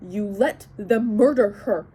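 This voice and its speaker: A woman's voice: mid-range voice, moderate pace, dark tone, slightly rough, natural voice. A woman voicing an angry young man. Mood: furious. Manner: accusing, spitting words in anger. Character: furious young man, loyal and grieving.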